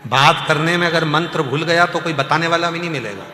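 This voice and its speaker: A male preacher telling a devotional story in an animated, repetitive sermon style. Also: fairly high pitch, fairly quick, a little hiss or hum. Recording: echoey hall with music.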